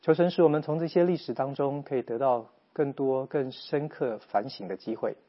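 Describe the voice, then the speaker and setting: A man giving an earnest, measured Bible teaching talk with rhetorical questions, on a slightly dull, lo-fi recording. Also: medium pitch. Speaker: preacher.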